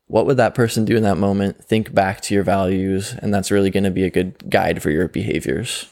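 A young mental performance coach chats easily in a conversational interview, laughing often and filling gaps with "like" and "um." His voice sits low with fairly even intonation, a darkish tone, and vocal fry, and he talks a little fast.

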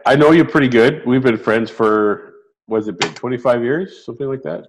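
Man with a raspy sandpaper voice. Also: medium pitch, a little fast, slight background noise, rough recording. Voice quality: gravelly sandpaper rasp. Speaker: podcast co-host. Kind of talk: casual chat.

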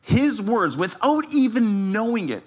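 A man, a pastor giving a sermon with personal stories in a conversational, animated way. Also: high-pitched, unhurried, breathy edge. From Canada. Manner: animated, conversational, laughs while telling stories.

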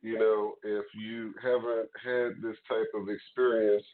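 A man's voice: lowish voice, level tone, a little slow. A male radio talk show host who is upbeat and chatty and laughs easily while interviewing a guest. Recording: narrow lo-fi radio sound.

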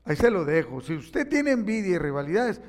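A man preaches a sermon in a high, fairly quick voice, telling stories animatedly and acting out the quotes. Echoey hall reverb surrounds the recording.

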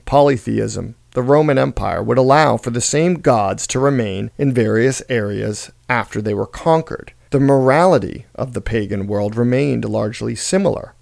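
A man's voice: mid-range voice, creaky, darkish tone, no room sound, studio quality. A man explaining a classic novel in an earnest, explanatory way and reading passages from it dramatically. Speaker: literature lecturer. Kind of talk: book commentary with dramatic readings.

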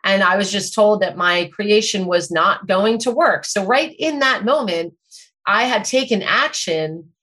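A middle-aged woman telling a personal story in a measured, thoughtful and self-questioning way, as a podcast host. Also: medium pitch, fairly bright tone, husky.

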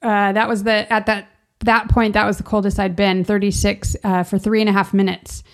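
Casting: female vlogger, noticeably gravelly fry, mid-pitched, casual and rambling, talks as if thinking aloud. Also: flat delivery, moderate pace. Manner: chatty, rambling, self-interrupting. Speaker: vlogger sharing personal experience. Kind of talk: casual informal monologue.

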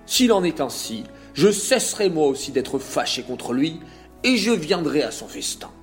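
A man's voice: big pitch swings, moderate pace, faint music behind. A man voicing a humiliated guest who begs to stay in a trembling voice. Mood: wondering. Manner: pleading, trembling low voice. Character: humiliated adult man, pleading then vengeful.

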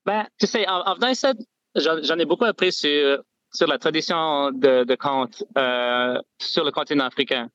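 A young man from Nova Scotia with an Acadian French accent, a guest storyteller speaking in an easygoing, halting way, full of "tu sais". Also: a little high, a bit bright, no room sound. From Nova Scotia, Canada. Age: young adult. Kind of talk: casual interview. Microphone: phone or remote call. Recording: dull remote line.

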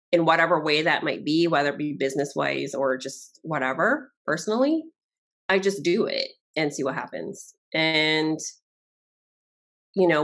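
A woman from Barbados, a guest chatting casually in an interview and laughing often. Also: deep voice.

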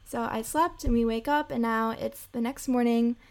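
A woman's voice: on the high side, steady tone, normal speed, darkish tone. A young woman hosting a podcast and telling a travel story in a chatty, emphatic way. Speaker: podcast host. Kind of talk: casual storytelling.

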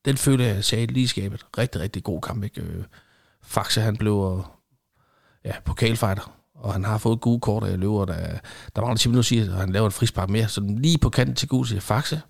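Guest, middle-aged man, gravelly voice, ex-referee telling stories with acted-out quotes. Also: on the low side. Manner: animated storyteller acting out quoted exchanges. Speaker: former football referee, guest. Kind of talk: conversational anecdote telling.

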